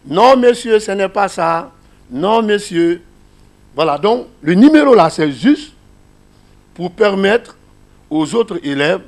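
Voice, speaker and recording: High-voiced Guinean French man teaching. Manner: explains step by step, asks listeners questions. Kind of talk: classroom teaching demonstration.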